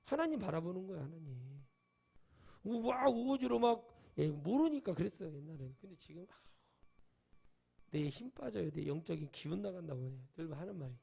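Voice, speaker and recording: A male pastor preaching a Sunday sermon in a conversational, storytelling way, acting out quoted voices and swinging between loud and hushed. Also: sits high, lively intonation, moderate pace, creaky, slightly rough.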